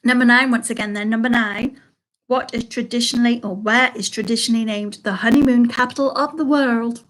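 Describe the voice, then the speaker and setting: A woman runs a live quiz stream from her home, and her voice sits a little on the high side. She chats easily between questions, then reads each one slowly and repeats it for the players. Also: steady tone, a bit bright. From Salford, England. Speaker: quiz host.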